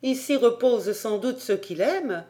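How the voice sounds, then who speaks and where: Jeune dame noble, tendre et attentionnée, lue par une femme. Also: female voice, on the high side, expressive, a little slow, dark tone, voice pushed up. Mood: tender. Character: kind young noblewoman.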